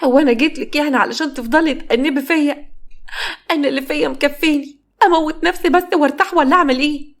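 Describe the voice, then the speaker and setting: A woman's voice: high voice, racing, pitched above the performer's own voice. A woman with an Egyptian accent voicing a panicked middle-aged daughter who wails about her fate. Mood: panicked, wailing. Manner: wailing, panicked.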